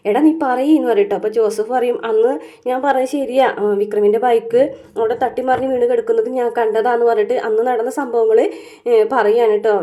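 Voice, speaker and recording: A woman's voice: a little high, warm tone. A woman casually retelling a TV serial episode, full of fillers and tag words. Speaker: serial recap vlogger.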